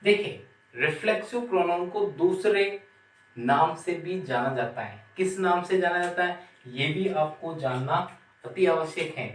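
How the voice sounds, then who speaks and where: A man teaching a grammar lesson, speaking slowly and repeating key terms as he asks the class questions. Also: on the high side, expressive. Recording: roomy, from some distance.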